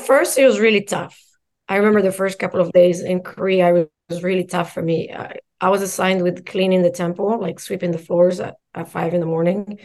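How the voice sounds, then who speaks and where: A woman's voice: fairly low pitch, fairly even intonation, fairly quick, darkish tone. A woman from Morocco, a mindset coach and guest, telling her story in a reflective way and stringing together lists of phrases. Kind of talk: casual interview conversation.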